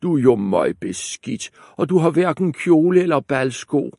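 A man's voice: fairly high pitch, sing-song, gravelly, dark tone, no room sound, clean studio sound, voice pushed up, exaggerated voice. A man voicing a stern, dismissive stepmother in a fairy tale, speaking curtly and scolding. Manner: scolding, curt.

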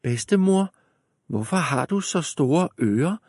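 A man voicing an innocent, trusting little girl in a storybook reading, raising his voice high and eager. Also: expressive, darkish tone, husky, dry recording, clean studio sound. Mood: wondering.

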